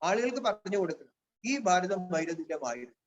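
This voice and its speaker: A man's voice: high voice, sing-song, fairly quick. A man giving a devotional spiritual discourse. He reads a line, then explains it in plain words. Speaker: Brahma Kumaris spiritual teacher. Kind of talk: devotional discourse reading Hindi lines and explaining in Malayalam. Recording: dull, lo-fi with faint hiss.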